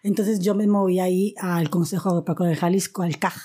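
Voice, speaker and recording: A woman's voice: lowish voice, a little fast. A woman, a podcast guest in her thirties, telling stories animatedly and acting out quoted voices. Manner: animated, acts out quoted voices, many fillers like "o sea". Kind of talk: casual interview storytelling.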